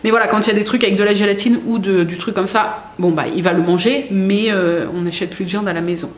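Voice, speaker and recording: In an echoey room with a little background noise, a woman unboxes a product for her vlog, chatting loosely with lots of fillers and corrections of herself. Her pitch is medium, her tone steady, and she talks fast.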